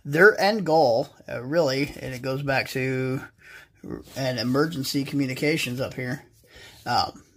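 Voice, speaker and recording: With a husky, medium-pitched voice, this American man in his thirties talks casually as a vlog host and ham radio hobbyist. He explains things in a folksy, plain-spoken manner full of slang, and faint outdoor ambience can be heard.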